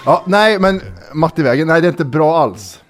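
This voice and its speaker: A man's voice: a little high, big pitch swings. A man co-hosting a casual comedy podcast, bantering and joking with his friend. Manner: joking banter, sings snatches of a song. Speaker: podcast co-host.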